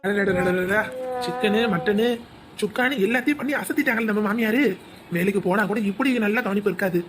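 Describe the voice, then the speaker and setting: A woman's voice: medium pitch, a little fast, background noise, close to an everyday voice. A woman playing a jobless, scheming husband who brags about fooling his family, in a comedy skit. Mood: smug. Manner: boastful, scheming.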